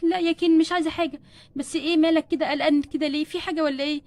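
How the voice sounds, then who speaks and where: A woman's voice: high-pitched, fairly even intonation, rapid-fire, darkish tone, dry recording. Woman doing a scared sick Egyptian wife doll. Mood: anxious. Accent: Egyptian Arabic. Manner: anxious, questioning, pleading. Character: frightened sick young wife and mother doll. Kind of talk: doll play storytelling.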